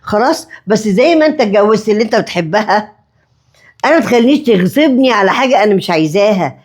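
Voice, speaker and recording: A woman playing a stubborn, sharp-tongued middle-aged mother-in-law with an Egyptian accent, blunt and defiant in her quick retorts. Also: medium pitch, lively intonation, lightly acted. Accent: Egyptian Arabic.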